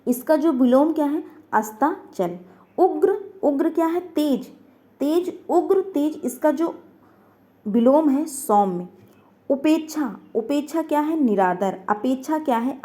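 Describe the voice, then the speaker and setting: High-voiced woman teaching a grammar class. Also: a little mellow. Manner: repeats words and asks herself questions. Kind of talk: online grammar lesson.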